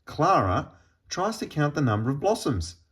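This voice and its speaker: Reading a children's storybook aloud, this man uses an expressive, deliberate storytelling manner with pauses. His voice is a little high.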